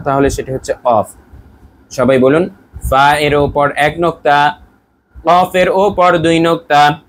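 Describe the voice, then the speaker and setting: A man's voice: mid-range voice, slight background noise. A man teaching an online lesson on Arabic letters, patiently saying each sound several times so learners can copy it.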